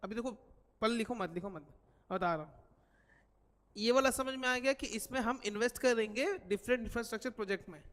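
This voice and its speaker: A man's voice: extremely high pitch, brisk, a bit bright. Male coaching teacher, lecture style, asks and answers his own questions, English, long hall reverb. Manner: repeats key figures, asks questions then answers them. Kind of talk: classroom lecture. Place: coaching classroom.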